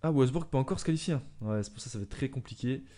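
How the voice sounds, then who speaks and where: Young guy yelling over his soccer game, chill one sec then shouting when a shot comes, let's-play vibe. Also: mid-range voice, racing. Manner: bursts into loud excited shouts during play, then calm musing. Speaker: video game player commentating his own match. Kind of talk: excited let's-play commentary.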